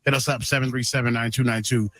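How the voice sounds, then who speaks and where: A man hosting a call-in radio show in a brisk, joking way. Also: medium pitch, little pitch movement, fairly bright tone.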